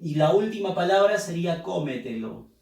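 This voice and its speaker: This teacher's voice sits high, gravelly and darkish, expressive at a moderate pace. Leading young students through a lesson on accent rules, he patiently drills syllables and asks them to pronounce every word, his voice distant and echoing around the room.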